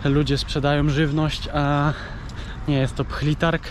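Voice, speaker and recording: A man's voice: fairly high pitch, little pitch movement, unhurried, noisy background. A man chatting casually in a vlog, talking straight to his viewers from the car, the shops and his home. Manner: chatty, addresses viewers directly. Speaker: vlogger.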